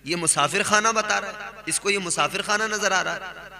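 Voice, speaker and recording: Man plays proud hot-tempered king, high bright voice, slow and loud. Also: creaky, heavily acted. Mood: indignant. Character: proud, quick-tempered old-time king.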